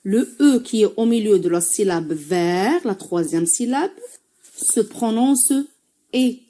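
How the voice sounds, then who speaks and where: A woman teacher with a Moroccan accent giving a French reading lesson, spelling out sounds slowly and carefully, syllable by syllable. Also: medium pitch, expressive, warm tone, slight background noise. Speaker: primary school teacher.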